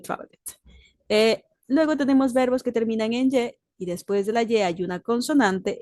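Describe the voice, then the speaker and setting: A woman's voice: medium pitch, a little mellow, no room sound. Patient teacher woman, very dry sound. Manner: explains patiently, mixing Spanish and English, checking in with "¿sí?". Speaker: English teacher. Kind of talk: recorded online lesson.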